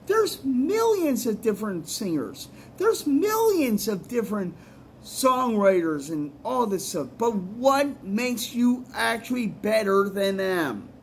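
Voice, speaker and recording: A man's voice: sits high, a little hiss or hum. A man, a musician and poet, giving rambling, earnest advice in a casual vlog, often repeating himself.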